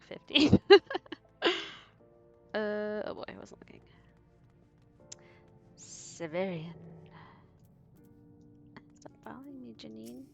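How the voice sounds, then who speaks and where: A woman's voice: fairly high pitch, vocal fry. A woman chatting casually and playfully while she streams a game at home. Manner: playful, chatty, quick to laugh. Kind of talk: casual let's-play commentary. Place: home, with her cat. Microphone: desk microphone.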